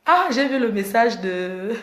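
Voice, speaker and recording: A woman's voice: a little high, expressive, a little slow, a bit bright. A woman ranting to her followers in a livestream, defiant and boastful, repeating taunting questions. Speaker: social media personality. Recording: roomy echo.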